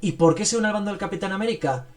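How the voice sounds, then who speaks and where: A man's voice: high voice, expressive, rapid-fire. A man hosting a podcast, chatting casually and enthusiastically about films. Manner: enthusiastic, rambling, frequent fillers. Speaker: podcast host. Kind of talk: casual film review chat.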